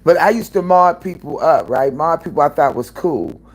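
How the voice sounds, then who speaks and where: A man in his fifties hosting a casual livestream from home, gossiping with viewers in an animated, profane way. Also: a little high, normal speed, low-quality recording. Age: 50s. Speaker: livestream host. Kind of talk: casual live-stream chat.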